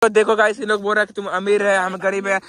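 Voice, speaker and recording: A man's voice: sits high, level tone, fast, pushed and bright. A young man vlogging outdoors on a phone camera, pleading and flustered as he keeps saying "brother" while he argues. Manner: pleading and flustered, repeating "bhai". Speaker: motovlogger. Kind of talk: casual vlog talk to camera. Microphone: handheld phone camera.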